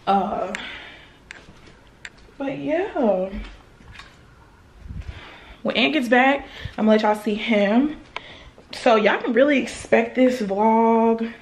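A woman's voice: a little high, takes it slowly, pauses often, slight background noise. Chatty young woman vlogging at home. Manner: chatty, drops to a near whisper at times. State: a bit out of breath. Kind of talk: casual vlog chat. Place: a relative's house, indoors. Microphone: handheld camera.

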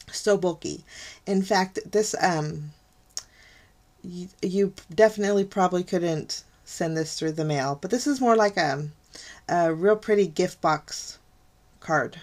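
Her voice is on the low side with a darkish tone: a middle-aged woman hosting a card-making channel and narrating a casual crafting tutorial. She chats through each step with frequent ums and light laughs, gushing over the prettiness of her work, while an overhead camera at the craft desk films her hands.

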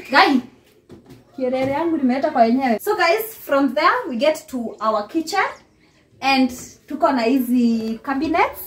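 A chatty young Kenyan woman with a high voice gives a casual tour of her small apartment, both inside and on the balcony, shot with a handheld phone camera. She's lively and quick to laugh, talking right to viewers in a mix of English and Swahili.

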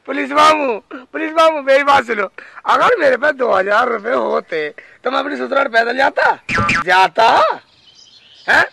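A bumbling village fool, played by a man, whines and pleads in a high, gravelly voice. The recording carries clear background noise. He wails theatrically, like a comic sketch clown. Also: unhurried, heavily acted. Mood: wheedling. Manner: whiny, theatrical wailing and pleading.

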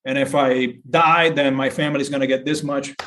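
Speaking as a guest on a podcast, this middle-aged insurance broker from Puerto Rico, who later moved south of Boston, talks in an earnest, conversational way and repeats phrases to stress his points. His mid-range voice is steady and fairly bright at a moderate pace. There's a little hiss or hum in the audio.

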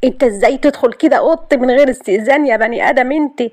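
A woman's voice: high-pitched, fast talker, dry recording, voice pushed up, close to an everyday voice. A woman doing a feisty young bride. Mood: indignant. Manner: mocking, indignant retorts. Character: feisty young Upper Egyptian bride, sharp-tongued. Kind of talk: storytelling. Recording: dry close recording.

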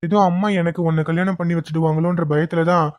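A woman doing a short-fused young man for a cartoon, low and fast-talking, snapping out scolding lines in a close, dry recording. He is stern on the surface but soft underneath. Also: little pitch movement, no echo, close to an everyday voice. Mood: gentle. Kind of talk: cartoon voice acting.

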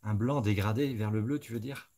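A man's voice: lowish voice, brisk, darkish tone, slight background noise. A man hosting a live stream, chatting casually, thinking aloud and talking straight to his viewers. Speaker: host of a live scale-modeling stream.

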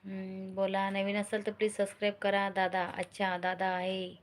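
A woman's voice: medium pitch, monotone, normal speed, slight background noise. A middle-aged woman from Maharashtra, chatting casually on a live stream and repeatedly urging viewers to join and comment. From Maharashtra, India.

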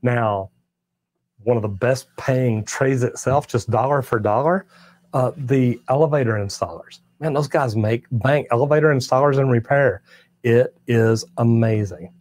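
With an unhurried, darkish mid-range voice, an older Texan master plumber hosts a casual livestream and responds to chat questions. His manner is folksy and plainspoken, the drawl of a born storyteller. He's recorded via clip-on lapel mic on a studio set with shelves of tools and merch.

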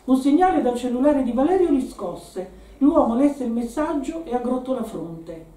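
A woman giving a measured, expressive dramatic reading of a novel at a book presentation, recorded from a distance in a roomy space. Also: sits high. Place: shop venue hosting a live event. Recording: roomy live room from a distant mic.

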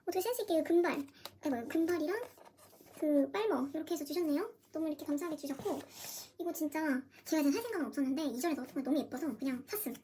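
A young woman vlogging an unboxing at home, gushing excitedly with gasps and squeals. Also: high-pitched, rapid-fire, slight background noise. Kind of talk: casual unboxing chat. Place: home room, dim lighting.

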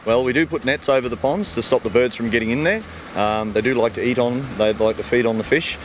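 Out by the ponds, a middle-aged Australian man talks about his fish farm for kids' questions, keeping things relaxed and simple with everyday comparisons and a brisk pace. His mid-range voice goes into an interviewer's handheld mic, and a faint ambient hum sits in the background.

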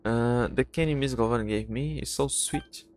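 A man reading the lines of an earnest, gentle little girl telling a story, with hesitant restarts and faint game music behind. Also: medium pitch, normal speed, a little hiss or hum, close to an everyday voice.

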